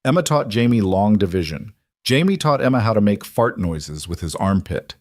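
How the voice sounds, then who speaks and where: A man narrating a scripted story in a calm, even manner. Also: fairly low pitch, moderate pace, no echo, clean studio sound.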